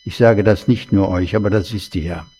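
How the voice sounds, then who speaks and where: A man preaching a sermon in a slow, conversational way, with chatty asides to the congregation. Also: low-pitched, steady tone, dark tone, breathy edge. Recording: long hall reverb.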